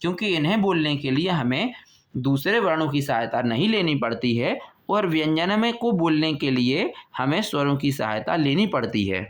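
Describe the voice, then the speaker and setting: A man's voice: on the high side, expressive, normal speed. A male teacher giving an exam-prep lesson, repeating key points and asking his students questions.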